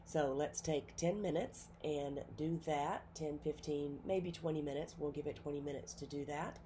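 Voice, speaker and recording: A woman with a cold gives a nursing pharmacology lecture, recorded in class, speaking informally with lots of fillers and self-corrections. Her voice is deep and mellow, her intonation fairly even, and she talks at a normal speed. There is slight background noise.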